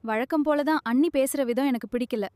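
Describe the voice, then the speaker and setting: A woman's voice: high-pitched, fairly quick, warm tone, no room sound, natural voice. A woman acting as a young wife in a family drama, talking earnestly and pleadingly. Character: young wife of the household, defending herself.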